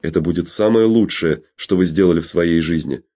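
A man's voice: low voice, fairly quick, warm tone. A man reading as a coaxing, goading barman. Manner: coaxing, egging on. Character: flattering, goading male dockside barman. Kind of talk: audiobook character voice.

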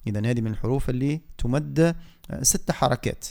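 A man teaching Quran recitation on the radio, explaining softly and then chanting verses slowly. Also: mid-range voice, gravelly. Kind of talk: tajweed lesson with chanted recitation. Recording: radio studio.

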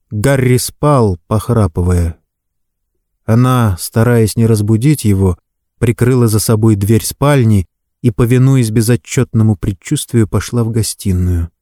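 Dark-voiced male audiobook narrator. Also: fairly low pitch, dry recording, clean studio sound.

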